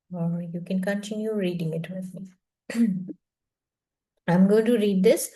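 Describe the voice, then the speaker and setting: A woman, slowly reading a self-help book aloud and guiding a listening group through an affirmation in a soft, measured voice. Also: mid-range voice. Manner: slow, soft and measured, with quiet half-whispered phrases. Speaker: book reading session leader.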